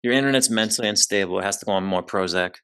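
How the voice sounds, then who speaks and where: Brief: young man from New Jersey, loose and profane podcast host, lowish voice, bright edge, video call. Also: very fast, clean tone. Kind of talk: casual chat.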